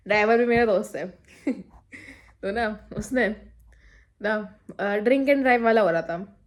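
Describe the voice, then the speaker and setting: A teenage girl telling a rambling, giggly story about school friends in a casual vlog. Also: mid-range voice. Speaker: vlogger.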